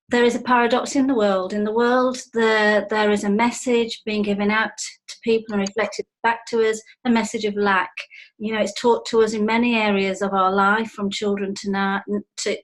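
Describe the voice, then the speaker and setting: A woman's voice: mid-range voice, poor audio. A woman hosting a spiritual talk show, speaking earnestly and building her points in heartfelt lists. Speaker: host.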